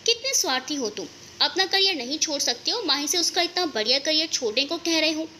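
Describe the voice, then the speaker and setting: Woman doing a teasing young man, storybook reading, bright tone, faint background noise. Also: sits high, expressive, a little fast. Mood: sarcastic. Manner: playful, teasing.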